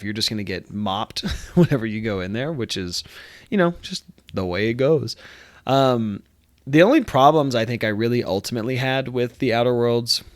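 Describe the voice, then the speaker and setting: Young male gaming host, stuffy-nosed and congested, loose rambling chat with plenty of fillers, mid pitch, dry close sound. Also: no room sound. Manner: rambling, many fillers and restarts. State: congested from allergies. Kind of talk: casual talk to camera. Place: friend's apartment room.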